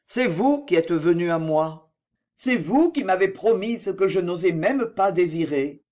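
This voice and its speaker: A man's voice: sits high, lively intonation, measured pace. A reader voicing a bitter, jealous man in an audiobook, speaking sharply and sarcastically in a raised, strained voice. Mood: anguished. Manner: sharp, sarcastic and pleading by turns. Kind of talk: audiobook dialogue reading.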